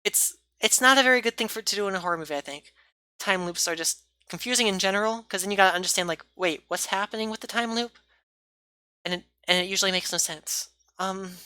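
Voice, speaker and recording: A woman talks through a horror film review in a loose, rambling way, catching her own mistakes and apologizing as she goes. Her voice is bright and a little sharp. The sound is close and dry. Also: medium pitch, dry recording. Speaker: movie reviewer. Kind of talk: casual movie review chat.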